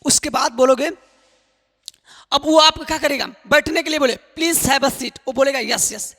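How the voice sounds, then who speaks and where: A man's voice: very high voice, unhurried, sharp tone, long reverb tail. A man teaching spoken English to students, emphatic, repeating key phrases and asking the class rhetorical questions.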